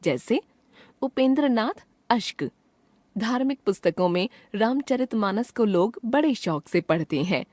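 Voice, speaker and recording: A woman reading a grammar chapter aloud as a lesson, in a clear, measured way, giving her example sentences some expression. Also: mid-range voice, animated, a little mellow, dry recording. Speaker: teacher reading a textbook chapter. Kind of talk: scripted narration of a grammar lesson.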